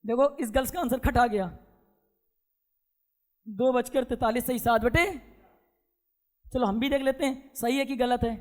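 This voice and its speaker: A man teaching a classroom lesson in a loud, drilling way, firing questions at his students and making them repeat after him. His voice is very high for a man. The room has a long, ringing reverb. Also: fairly even intonation, a little slow, pauses often. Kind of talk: classroom lecture.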